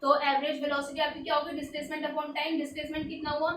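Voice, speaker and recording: एक ऊँची आवाज़ वाली शिक्षिका, गूंजते कमरे में. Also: female voice, high-pitched, completely flat delivery, fast talker, a bit bright, distant mic, a little hiss or hum. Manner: asks questions and answers them herself; mixes English terms into her explanations. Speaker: tutor. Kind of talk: explaining a textbook physics problem. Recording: echoey room, away from the mic.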